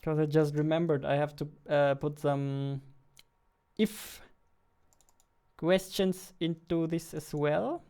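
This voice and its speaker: The man's voice is a little high, mellow and clean, with a steady tone, a slow pace and frequent pauses. He's a twenty-something game developer livestreaming from an indoor computer desk, chatting casually as he works and muttering phrases to himself repeatedly. Keyboard typing and mouse clicks run underneath.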